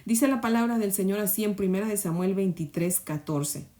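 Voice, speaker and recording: Woman devotional host, fervent prayer and Bible teaching, warm mellow tone. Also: mid-range voice, moderate pace. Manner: fervent, repeats "Señor" between phrases; prayer ends in a soft whisper.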